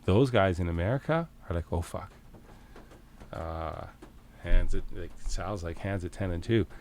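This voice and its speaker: A middle-aged Canadian man telling a story as a podcast guest, casual and animated, swearing freely and acting out the back-and-forth. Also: deep voice, normal speed, slight background noise. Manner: animated, swears freely, acts out quoted exchanges.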